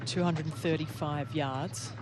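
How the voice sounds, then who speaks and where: A man's voice: on the high side, fairly even intonation, measured pace. A man working as a golf commentator, giving conversational live analysis of shots and play. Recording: clear outdoor background noise.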